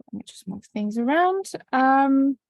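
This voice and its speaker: Latvian-born woman presenter, gravelly and dry, chatty and halting. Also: high voice, expressive, no room sound. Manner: conversational, with frequent restarts and fillers. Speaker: webinar facilitator. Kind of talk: online presentation. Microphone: video call.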